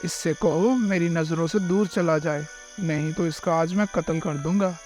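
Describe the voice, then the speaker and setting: A man voicing a scheming, hot-tempered male thief bird who is a father, in a gruff, threatening manner. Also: a little high, normal speed, darkish tone, natural voice. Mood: gruff scolding. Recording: faint music behind the voice.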